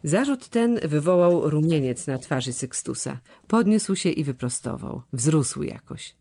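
A narrator reading a classic novel aloud with expressive delivery. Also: mid-range voice, measured pace, husky. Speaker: audiobook narrator.

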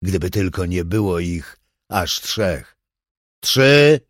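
Man reading a thriller audiobook, lowish voice, steady, dry close mic. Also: a little slow, no echo. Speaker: audiobook narrator. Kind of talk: scripted thriller narration.

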